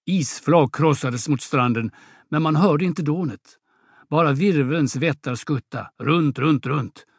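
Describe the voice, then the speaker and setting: A swaggering young peasant, voiced by a man reading an audiobook drama, spins a breathless tall tale. His voice sits a little high, and the sound is dry and close to the mic. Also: gravelly, breathy edge, dry recording. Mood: boastful. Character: boastful young peasant braggart, swaggering storyteller.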